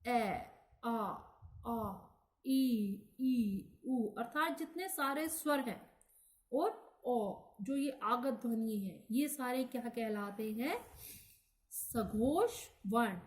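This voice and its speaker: A woman teaching a grammar lesson, who talks slowly and deliberately, asks the class questions and then answers them herself. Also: fairly high pitch, expressive.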